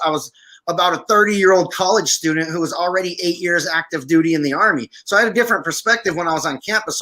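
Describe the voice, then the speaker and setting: A man from Syria, a guest on a podcast interview, telling stories in an animated way. His voice sits high and sounds bright and forceful, and he acts out what people said. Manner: animated, acts out quoted speech. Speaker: podcast guest, veteran filmmaker. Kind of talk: interview storytelling.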